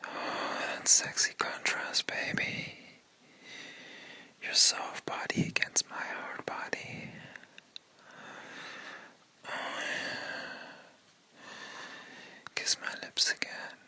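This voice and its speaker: Slow whispering man, breathy and intimate. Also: bright, forceful tone. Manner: slow, sensual, murmuring to a listener. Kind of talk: whispered intimate ASMR roleplay.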